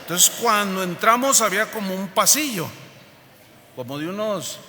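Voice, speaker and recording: A man preaching a sermon, telling a personal story in a lively way and acting out the people he quotes. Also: high-pitched, moderate pace. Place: church hall. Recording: reverberant hall, faint ambience.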